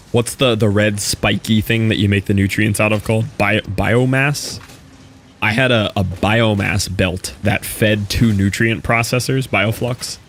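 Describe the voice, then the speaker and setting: A man's voice: lowish voice, a bit bright, a little hiss or hum. A young man streaming a game, talking casually in a rambling, laid-back way with lots of fillers. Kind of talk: casual live-stream commentary while playing.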